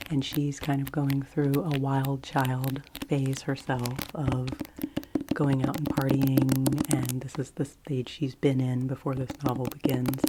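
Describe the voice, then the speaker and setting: A woman talking about books in a soft-spoken, hushed ASMR style close to a library whisper, gently delivered. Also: extremely low pitch, very noisy. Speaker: book reviewer.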